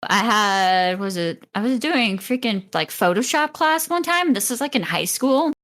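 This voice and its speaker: A woman's voice: medium pitch, expressive, normal speed, fairly bright tone. A young adult woman co-hosting a podcast, chatting casually and telling stories in a rambling way. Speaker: podcast co-host. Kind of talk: casual chat.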